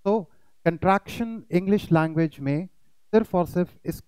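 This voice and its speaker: A man's voice: sits high, moderate pace, warm tone, clear, resonant tone, no room sound, rough recording. A man teaching pronunciation in an online lesson, addressing his students as kids and demonstrating rising and falling intonation.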